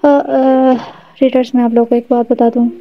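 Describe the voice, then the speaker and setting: A woman's voice: high-pitched, little pitch movement, narrow, tinny audio. A woman narrating an audiobook at home, reading steadily with occasional hesitations.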